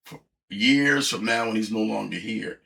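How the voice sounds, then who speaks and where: Low gravelly bishop, bright. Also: male voice, normal speed, distant mic. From East Baltimore. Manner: emphatic, preacherly, street-blunt. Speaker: bishop, guest. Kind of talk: casual conversation on a livestream.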